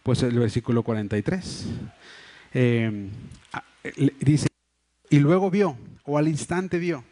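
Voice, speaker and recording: A pastor with a warm, mid-range voice, lively intonation and a measured pace preaches in a church hall. His Mexico City Spanish accent comes through the livestream microphone. He explains earnestly, with frequent fillers and restarts.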